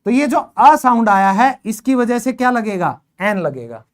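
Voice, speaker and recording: A woman teaching English in a video lesson, quizzing her learners and urging quick answers, repeating each word slowly for drill. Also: a little high. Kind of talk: classroom-style video lesson.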